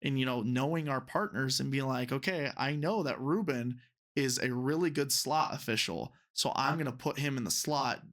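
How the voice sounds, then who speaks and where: Medium pitch, normal speed and a slightly bright tone mark this voice. The speaker is an American referee and teacher in his twenties, chatting loosely as an interview guest and peppering his rambling with "you know."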